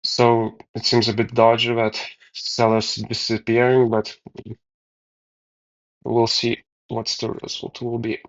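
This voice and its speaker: Guy mumbling thru a repair, slow and flat, gravelly, kinda dull lo-fi sound. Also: mid-range voice. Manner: mumbling, thinking aloud with pauses and fillers. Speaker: DIY video maker. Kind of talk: casual narration over hands-on repair.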